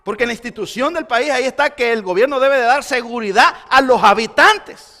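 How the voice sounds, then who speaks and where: Pastor guy preaching hard, high bright voice, big church echo. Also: animated, a little fast. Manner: impassioned preaching, swinging between loud emphasis and quiet intensity. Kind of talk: sermon. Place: church sanctuary. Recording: long church hall reverb.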